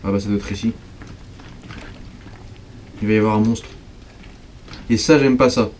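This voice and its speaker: A man's voice: fairly low pitch, normal speed. Young guy gaming and freaking out, talks to his viewers, bit of hiss behind him. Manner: excitable, jumpy, talks straight to viewers. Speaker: gaming video creator. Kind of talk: let's play commentary.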